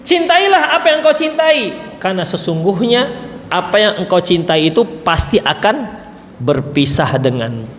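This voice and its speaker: A male preacher giving a mosque sermon in a lively way, with joking asides and acted-out quotes. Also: sits high, moderate pace. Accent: Indonesian. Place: mosque hall. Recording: echoey hall, faint room noise.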